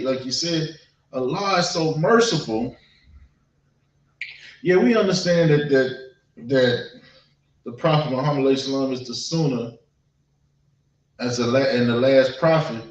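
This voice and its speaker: In a muted, echo-filled room, a mid-range American man's voice carries faintly to a far-off mic as he delivers a casual sermon. He speaks haltingly, repeats phrases, and keeps checking in with his listeners in a conversational way.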